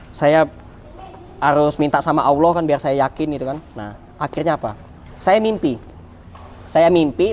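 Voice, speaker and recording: A man telling his life story in a casual interview, animated, swinging from loud exclaims to low murmurs.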